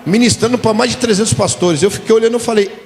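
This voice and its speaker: A man's voice: high-pitched, fast talker, a little hiss or hum. A man from Brazil, a pastor preaching a sermon at a conference, telling stories and acting out quoted voices. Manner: animated storytelling with voiced quotes. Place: church conference hall. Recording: reverberant hall with music behind.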